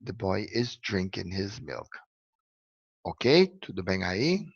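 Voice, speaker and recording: Speaking in a sing-song way, a man from Brazil teaches English with slow, patient, step-by-step explanations and repeated "ok?" checks. He has a deep, gravelly, faintly husky voice. The audio is dry, echo-free, dull and somewhat lo-fi.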